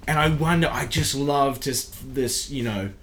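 A New man hosting a podcast, talking in casual chat with a halting, sweary delivery and many restarts. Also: medium pitch, fairly bright tone, a little hiss or hum. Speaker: podcast host and comedian.

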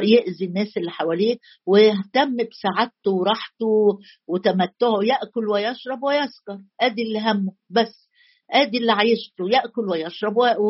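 Husky-voiced Egyptian woman preaching fast. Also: mid-range voice. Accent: Egyptian Arabic. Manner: conversational preaching, acts out quoted voices. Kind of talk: sermon. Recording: dull lo-fi recording.

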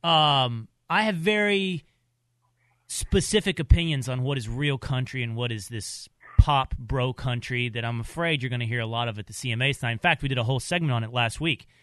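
A man's voice: medium pitch, a little fast, fairly bright tone, dry recording. A man hosting a radio talk show, chatting casually and joking with guests in the studio. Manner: joking, bantering, self-described country snob.

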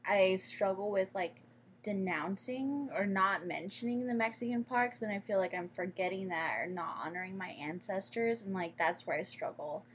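A woman's voice: medium pitch, moderate pace, slight background noise. A young woman in a casual chat, speaking earnestly and a little hesitantly.

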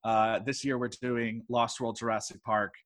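With a mid-range, slightly bright voice, flat delivery, and normal speed, a man in his twenties from Texas talks as a podcast guest. He hosts a film podcast himself and chats casually and enthusiastically, rambling with plenty of "like" and "uh."

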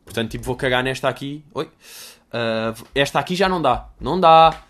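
A man's voice: medium pitch, animated, a little fast, a bit bright. A young man with a European Portuguese accent, answering listener questions in a rambling, crude, jokey comedic monologue.

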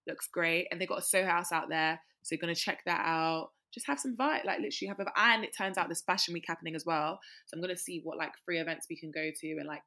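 A woman's voice: fairly low pitch, quick pace, hardly any pauses, bright, forceful tone. A British woman hosting a casual podcast, chatting in a slangy, emphatic way. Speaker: podcast host. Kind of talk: casual chat.

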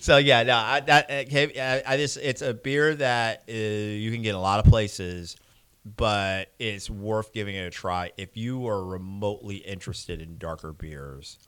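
A man's voice: fairly low pitch, steady tone, measured pace, fairly bright tone, clean tone. A man co-hosting a podcast, chatting casually and enthusiastically, rambling with fillers and laughs. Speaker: podcast co-host. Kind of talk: casual chat.

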